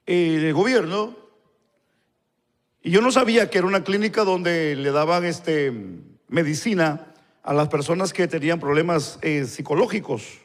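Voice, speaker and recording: A male pastor, telling a story in a live sermon and acting out the dialogue in quieter voices. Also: on the high side, moderate pace. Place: church hall. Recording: long church-hall reverb.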